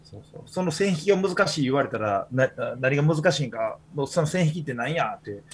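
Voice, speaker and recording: Husky Kansai man, podcast host, easygoing chatty storyteller. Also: on the high side, expressive, a little fast. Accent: Kansai Japanese. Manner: rambling storytelling with many fillers. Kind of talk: casual chat.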